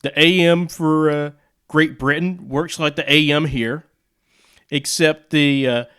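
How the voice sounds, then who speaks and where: A man from the United States who hosts videos and tinkers with radio speaks slowly in a fairly high voice with fairly even intonation and a clean, slightly bright tone. His explanations are casual and improvised, full of rambling asides.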